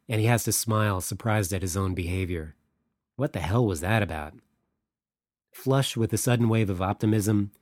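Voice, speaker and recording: Low, mellow male audiobook narrator. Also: dry recording, studio quality. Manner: even, measured storytelling. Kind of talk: scripted narration.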